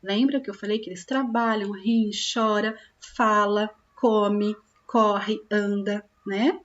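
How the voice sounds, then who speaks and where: A woman teaching young children, slowly drawing out syllables and often checking in with them. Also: on the high side, highs cut off. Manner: slow, drawn-out sounding of syllables, with frequent check-in questions. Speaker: primary school teacher. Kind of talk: recorded classroom lesson for young children.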